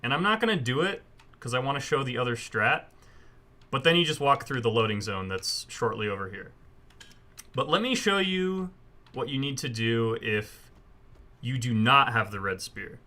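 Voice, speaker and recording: A man with a mid-pitched, bright and forward voice gives casual commentary for a gameplay tutorial. He explains each step informally, as a speedrunner showing others the route. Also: expressive, moderate pace.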